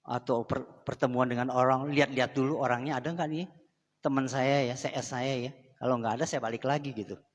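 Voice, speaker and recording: A man's voice: mid-range voice, steady tone, fairly quick. A man preaching a sermon in a church, chatty and direct, often turning to the congregation with asides. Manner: conversational preaching, often addressing the congregation as saudara. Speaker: pastor. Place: church sanctuary. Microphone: live microphone. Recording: long church hall reverb.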